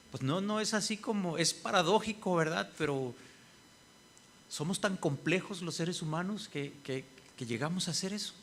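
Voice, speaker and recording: A man preaches to his congregation in a fairly high voice. He often asks them "¿sí?" and slips into the voices of the people he quotes. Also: fairly bright tone. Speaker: pastor. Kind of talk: sermon.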